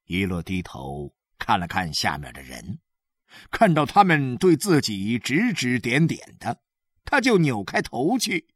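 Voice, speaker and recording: A woman narrating a literary story in a measured, expressive storytelling manner. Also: very deep voice, breathy edge, no room sound, clean studio sound.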